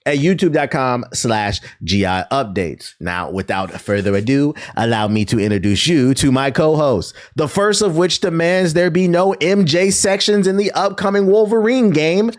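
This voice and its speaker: A man's voice: on the high side, animated, moderate pace. A man hosting a podcast in a casual, profanity-sprinkled conversational way. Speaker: podcast host.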